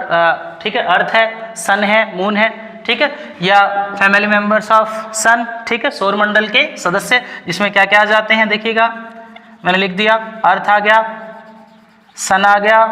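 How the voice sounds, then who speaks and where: A man's voice: high-pitched, pushed and bright. An Indian man teaching a grammar lesson, asking his class questions and answering them himself, with "okay" between points. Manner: keeps saying "ठीक है" between points. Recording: long hall reverb.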